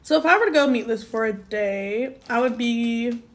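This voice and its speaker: A woman's voice: fairly high pitch, normal speed. A young woman co-hosting a podcast in casual chat, laid-back, laughing often and swearing casually. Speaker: podcast co-host.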